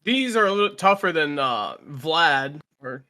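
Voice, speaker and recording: A man's voice: a little high, animated, measured pace, sharp tone. A man running a tabletop game as game master, narrating in a casual, joking way. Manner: casual, laughing, swearing.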